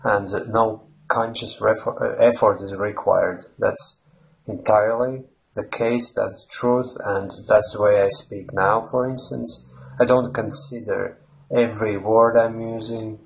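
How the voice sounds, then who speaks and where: A Latvian man with a Latvian accent, hosting a language-learning channel from Ireland, gives an unscripted explanatory monologue, rambling at length with fillers and restarts. His fairly low voice is steady and unhurried, with vocal fry. The audio is poor, with a little hiss or hum.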